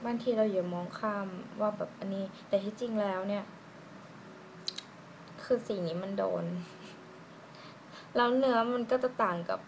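A woman doing a casual lipstick swatch review, chatty and giggly, musing aloud with drawn-out fillers. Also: medium pitch. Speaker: beauty vlogger. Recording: noisy room ambience.

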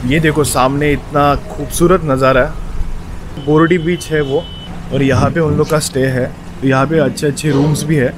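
A man's voice: a little high, steady tone, normal speed. A young man, chatting casually to viewers in a travel vlog, filmed on an action camera held at arm's length. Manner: chatty, mixing Hindi and English, talking to viewers. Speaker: travel vlogger. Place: car, roadside eateries and beaches, indoors and outdoors. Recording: noisy action-cam sound with traffic and wind.

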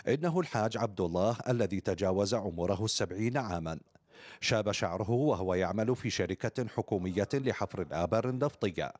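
A male news reporter in middle age reads a scripted report. His pitch moves animatedly and the sound is close and dry. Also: a little mellow, no echo.

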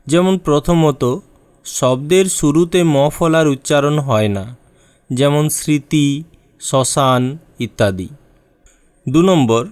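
A man's voice: medium pitch, smooth, dry recording. A man teaching a lesson, reading examples aloud one at a time and speaking directly to his students. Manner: reads word lists aloud one by one, addressing students directly. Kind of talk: slow lesson on Bengali spelling and pronunciation.

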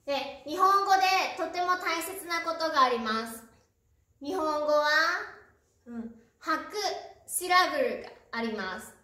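A woman with a bright, high voice teaches a language lesson at a very slow pace. She repeats each word patiently in a friendly teacher tone. The sound is very echoey and picked up from some distance. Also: expressive, slight background noise. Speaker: Japanese teacher. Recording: echoey room, mic at a distance.

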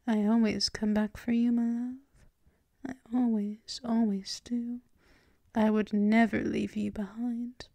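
In an intimate ASMR roleplay, a woman plays a gentle, teasing, doting dominant girlfriend, often whispering a soothing, affectionate murmur close to the mic. Her voice is mid-range and the recording is dry.

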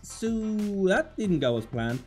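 A man giving excited, dramatic, self-mocking commentary while playing a video game. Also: mid-range voice, a little slow, breathy edge, soft background music. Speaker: gaming YouTuber.

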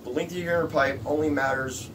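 A middle-aged man whose voice is a little high, fairly bright, and fairly even in intonation talks fast through a hands-on DIY tool-building tutorial, repeating points in a casual, plain way. He's in a small, cluttered indoor workshop, captured by a distant camera mic a few steps away, with noisy workshop hum and faint music behind.

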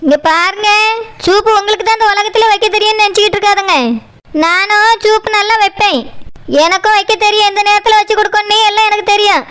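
A scheming village mother-in-law , voiced by a woman, snaps and scolds in a Tirunelveli Tamil accent. The voice sits very high and races along in a cartoonish rush. She is quarrelsome and bossy in every line. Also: little pitch movement, fast talker, fairly bright tone. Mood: scolding. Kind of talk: cartoon dialogue.

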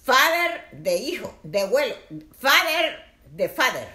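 Bright lively woman stumbling through English. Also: high voice, slow. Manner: confused, repeats words, laughs at herself. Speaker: show regular learning English. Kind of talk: casual comic chat.

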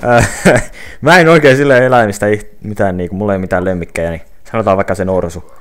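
A young gaming channel creator with a lowish, slightly bright voice reads viewer questions off his phone and answers them casually, with plenty of fillers and restarts.

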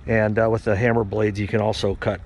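This farm equipment vlogger speaks a little fast in a voice on the low side. Outdoors at a snowy equipment auction lot, he rambles casually into a handheld camera during a walk-around, relaxed and filling pauses with filler words.

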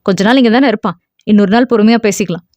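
A woman voicing a firm elder brother in an audio novel who scolds and then calms his family. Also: mid-range voice, rapid-fire, no room sound, natural voice. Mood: placating.

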